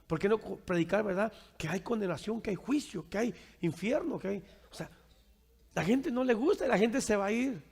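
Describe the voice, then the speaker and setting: A male pastor preaches and answers his congregation's questions. His voice is heavily gravelly and sits high for a man. He keeps tagging his points with "right?", and the sound rings through a reverberant church hall. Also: animated, normal speed, a little mellow. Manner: keeps asking "¿verdad?" and addresses listeners as brother.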